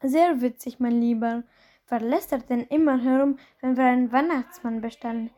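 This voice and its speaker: A woman's voice: a little high, fairly even intonation, moderate pace, dark tone, natural voice. A woman voicing a stern, sarcastic father who grumbles and mocks in a storybook reading. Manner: grumbling, mocking.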